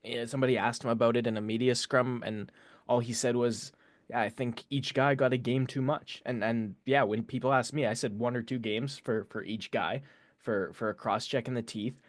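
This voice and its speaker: A man co-hosting a casual sports podcast, thinking aloud with hesitant restarts and quick asides. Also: medium pitch, fairly even intonation, no echo. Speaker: podcast co-host.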